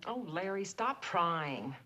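A fussy, bossy middle-aged wife. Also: female voice, fairly low pitch, sing-song, takes it slowly. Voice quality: fussy and instructive. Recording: hissy old TV soundtrack.

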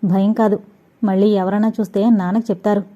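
A woman's voice: mid-range voice, little pitch movement, fast talker, warm tone, lightly acted. A woman voicing a worried young woman in love who fears her father, speaking in a pleading, anxious way, on dull lo-fi audio.

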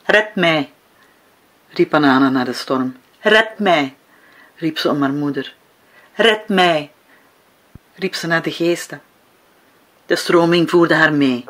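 A woman narrating an audiobook in an unhurried, measured reading voice. She lets the sentences settle with slow pauses and keeps a steady, even delivery throughout. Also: sits low. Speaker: author reading her own book.

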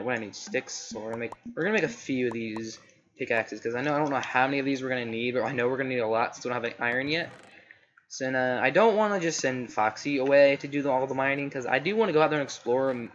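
A young man hosts a gaming let's play, talking quickly in a mid-range, fairly bright voice with a slight scratchiness. His commentary is casual, rambling and chatty, and he often corrects himself mid-sentence. The home recording sounds slightly dull, with faint noise.

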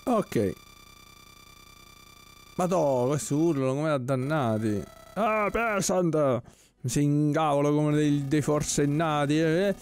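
A man giving casual let's-play commentary, relaxed and puzzled, with joking asides about what happens on screen. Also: a little high, measured pace, a little hiss or hum. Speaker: gameplay commentator. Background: soft game music.

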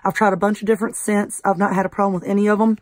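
A Southern woman with a croaky, hoarse voice, chatting through a craft tutorial for her viewers. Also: medium pitch, level tone, racing. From North Carolina. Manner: friendly, chatty, addresses viewers as y'all. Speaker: crafting channel host.

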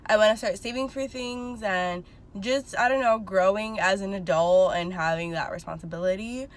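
A woman's voice: mid-range voice, normal speed. Chatty young woman vlogging in her car. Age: 20s. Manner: chatty, filler-heavy, candid. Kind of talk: casual rambling vlog to a phone camera. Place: inside a car, parked. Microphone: phone at arm's length.

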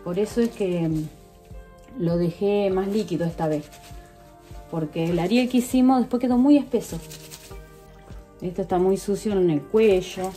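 A warm, lowish voice belongs to a woman vlogger in her 40s filming a casual how-to in her home kitchen. She talks chattily to viewers while working, her phone mic picking up background music beneath her.

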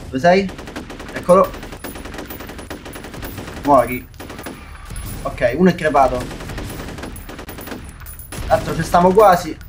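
A man's voice: on the high side, takes it slowly, pauses often. A young man, commentating a shooter game, swearing and talking to his viewers. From Italy. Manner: swearing, jumpy, talks to viewers as "raga". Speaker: gaming YouTuber. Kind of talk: let's play commentary. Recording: faint game noise and gunfire behind.

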